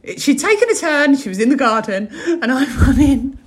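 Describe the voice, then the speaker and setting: A woman's voice: high voice, big pitch swings, normal speed. Teasing young woman. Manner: teasing, dramatic, laughing. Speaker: podcast co-host, daughter. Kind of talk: casual chat.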